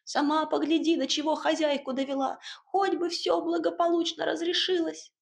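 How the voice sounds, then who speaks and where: A woman's voice: high voice, little pitch movement, normal speed, gravelly, pitched above the performer's own voice. A woman voicing a fussy, reproachful young male house spirit in a storybook reading. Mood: scolding.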